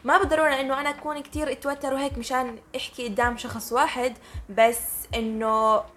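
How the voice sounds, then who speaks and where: A woman's voice: high-pitched, little pitch movement, fast, fairly bright tone, a little hiss or hum. A woman chatting casually and informally as a podcast co-host. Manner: giggly, informal. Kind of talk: casual chat.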